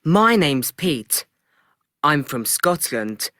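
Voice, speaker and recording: A man voicing a friendly young boy in a textbook listening recording, reading slowly. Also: on the high side, no echo, clean studio sound, heavily acted. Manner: slow, lively textbook reading. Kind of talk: scripted textbook audio.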